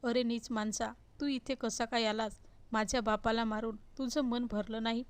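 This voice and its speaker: A woman's voice: on the high side, level tone, normal speed, smooth, dry recording, close to an everyday voice. A woman reading the part of a hurt young wife who pleads and reproaches. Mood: angry.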